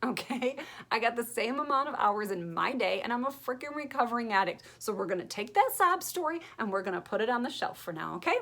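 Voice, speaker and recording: A woman self-help coach giving a lively motivational talk to camera, laughing at herself with blunt asides. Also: fairly high pitch, a little fast.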